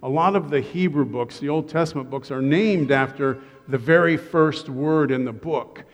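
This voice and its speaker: Speaking at normal speed with a fairly high pitch, a middle-aged pastor gives his congregation a humorous sermon in the church sanctuary. Self-deprecating jokes punctuate his preaching from the stage, and the recording carries the long reverb of a church hall.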